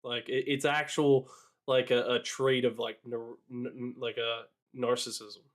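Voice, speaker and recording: A man's voice: mid-range voice, level tone, unhurried. A man co-hosting a casual live podcast, talking in a rambling, hesitant way. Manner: rambling, hesitant, many fillers and restarts. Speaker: podcast co-host.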